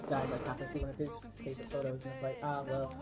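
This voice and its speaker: A woman's voice: rumbling low, monotone, very fast, over music. A woman chatting casually as co-presenter of a vlog. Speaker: vlogger's spouse, co-presenter.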